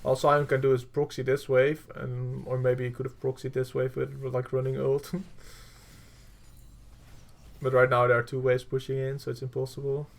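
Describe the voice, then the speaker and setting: Brief: male coach, gravelly voice, middle pitch, blunt and profane while reviewing gameplay, plenty of fillers. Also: monotone, normal speed. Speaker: game coach.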